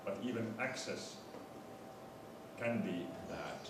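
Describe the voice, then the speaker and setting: A man gives an academic lecture, speaking haltingly and hesitantly and often stammering on the starts of his words. The recording is very echoey, with a distant mic and noisy rumble.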